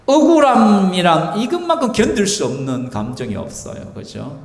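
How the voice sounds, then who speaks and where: Emphatic Busan-accented pastor preaching. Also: male voice, sits high, very animated, moderate pace. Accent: Gyeongsang Korean (Busan). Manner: emphatic, keeps asking the congregation "right?". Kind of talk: sermon. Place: church sanctuary. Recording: echoey church hall reverb.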